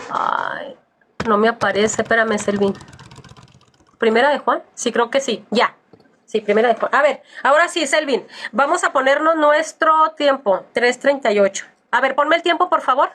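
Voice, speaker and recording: A woman with a high voice debates over a remote call. She speaks firmly and straight at her opponent, often teasing him as she argues. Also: fairly bright tone, a little hiss or hum. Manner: firm, addresses opponent directly, teasing. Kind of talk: heated online debate.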